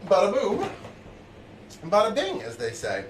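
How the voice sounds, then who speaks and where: A high-voiced man hosts a live cooking stream from his basement kitchen, joking around and reading out viewers' messages in an excitable, casual way. He sits a little back from the mic, so his voice sounds slightly distant, and the room adds a noticeable echo. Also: unhurried, noisy background. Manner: excitable and jokey, reads out chat messages.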